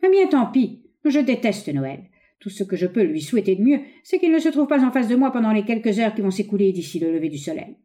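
A woman reading an audiobook, voicing a ruthless, scheming young man who speaks in an urgent, forceful, raised voice. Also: medium pitch, lively intonation, fast talker, few pauses, pitched above the performer's own voice, close to an everyday voice.

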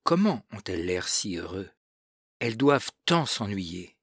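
A man's voice: lowish voice, sing-song, measured pace, a bit bright, husky, no echo, clean studio sound, heavily acted. A man reading as a timid, naive young girl. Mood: puzzled. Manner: hesitant, timid questioning. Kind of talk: audiobook reading of a novel.

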